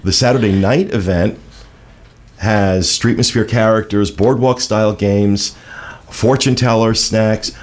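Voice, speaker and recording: A man hosting a casual podcast, chatty and reading out event listings with quick asides. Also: lowish voice, steady tone. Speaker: podcast host.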